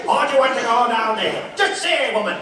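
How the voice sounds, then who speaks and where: A man's voice: extremely high pitch, animated, fairly quick, noisy background. A man doing a bossy, exasperated husband. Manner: exasperated, barking orders. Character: impatient bossy husband on holiday. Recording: echoey hall from far, loud crowd.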